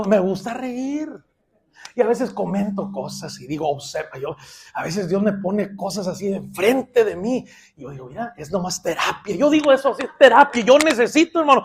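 Male pastor, strikingly high voice, sermon with playful asides. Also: husky. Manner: playful, swings between loud emphasis and quiet asides.

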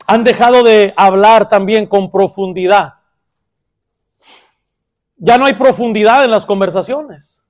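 A man preaches to his congregation. He talks playfully, going from loud, emphatic lines to quiet, confiding asides. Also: high-pitched, measured pace, pauses often. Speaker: pastor. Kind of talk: sermon.

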